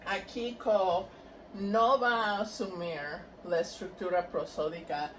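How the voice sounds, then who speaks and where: Slow-speaking woman lecturing, distant mic. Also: mid-range voice, steady tone, a bit bright. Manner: patient, explanatory, checks in with "¿sí?" and "¿no?". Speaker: linguistics lecturer. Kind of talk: academic lecture. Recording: distant mic with faint noise.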